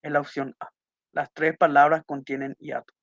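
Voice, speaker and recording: A man's voice: on the high side, little pitch movement, moderate pace, dry recording. A man teaching a class, patiently going over test answers and repeating key points with little checking questions. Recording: muffled dry lo-fi audio.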